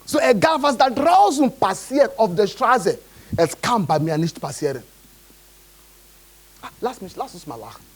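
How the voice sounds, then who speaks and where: A man's voice: high-pitched, very animated, a little slow, pauses often, husky. A man from Nigeria, preaching a sermon as pastor and often checking in with his congregation.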